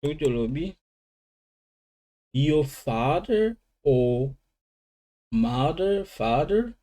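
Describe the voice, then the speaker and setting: Man slowly drilling English vocabulary. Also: on the high side, expressive, mellow. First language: Lingala. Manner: switches between languages, slow drilling of English words. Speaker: language teacher. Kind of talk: informal vocabulary lesson.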